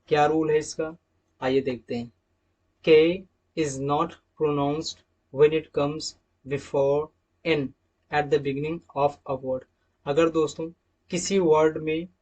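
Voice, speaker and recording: Guy doing an english lesson, pitch on the high side, says each example word twice, muffled lo-fi audio. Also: a little mellow. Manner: explains each rule in Hindi, repeating example words. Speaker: English teacher. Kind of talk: slide-based pronunciation lesson. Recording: dull lo-fi sound.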